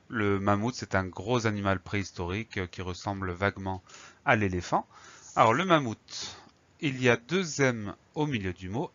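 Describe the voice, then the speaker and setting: Male primary teacher, low voice, patient spelling drill, slightly muffled recording. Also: a bit bright. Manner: patient, spells words letter by letter. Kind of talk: spelling lesson for children.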